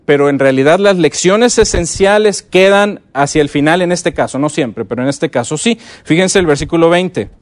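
A middle-aged man lectures at a conference with a fairly high voice. He keeps asking his listeners whether they follow him and slows down to stress key words. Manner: lively, asks the audience frequent check-in questions. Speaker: conference speaker teaching. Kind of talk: conference lecture on teaching Bible stories.

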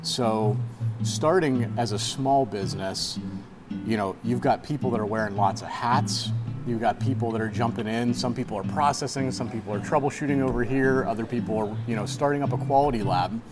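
A man guesting on a podcast, telling stories in a relaxed, casual way with lots of "you know" fillers. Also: mid-range voice, brisk, music in the background.

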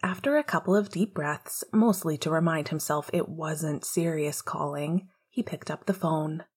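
A woman narrating a romance story in a soft, intimate way, often close to a whisper. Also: low-pitched, moderate pace, breathy edge. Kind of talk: audiobook narration of fiction.

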